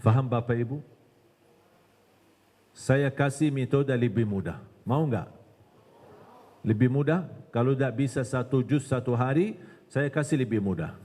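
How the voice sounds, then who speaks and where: A man's voice: mid-range voice, measured pace, pauses often. A man from Medina giving a religious lecture, telling stories and acting out their dialogue. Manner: animated storytelling, acts out dialogue. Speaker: preacher. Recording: long hall reverb.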